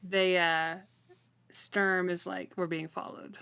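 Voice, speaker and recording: Her voice is lowish, flat, slow and gravelly, pushed and bright yet clean. She co-hosts a book read-along show, casually recapping a fantasy novel with wry disbelief in an informal retelling.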